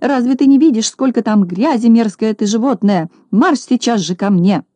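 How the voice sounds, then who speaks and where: A woman's voice: high voice, expressive, brisk, warm tone, no echo, voice pushed up. A woman voicing a haughty, fussy rich lady in an audiobook, shrieking and scolding melodramatically. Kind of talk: audiobook character reading.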